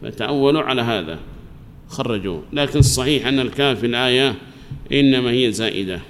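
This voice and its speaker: Brief male grammar teacher, mid-pitched voice, patient, asks and answers, long hall reverb, faint hiss. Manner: explains slowly, asks the class questions and answers them himself. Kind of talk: classroom lesson.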